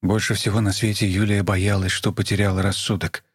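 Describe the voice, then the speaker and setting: A man reading a novel aloud as the narrator, at a measured, even pace and close to the microphone. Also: fairly low pitch, slightly rough, dry recording. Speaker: audiobook narrator. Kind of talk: scripted narration.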